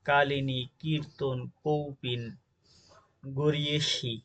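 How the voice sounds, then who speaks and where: A man's voice: a little high, level tone, slow, a bit bright, rough recording. A man teaching an exam-prep grammar lesson, reading out word lists and often checking in with his listeners. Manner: reads word lists, checks in with "ঠিক আছে?".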